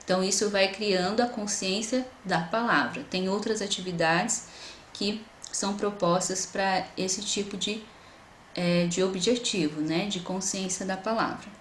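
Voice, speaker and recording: Woman, Brazilian Portuguese accent, patient teacher, mid pitch, echoey room, faint background hiss. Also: measured pace. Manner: patient, explanatory, repeats "então" often. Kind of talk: recorded online lecture.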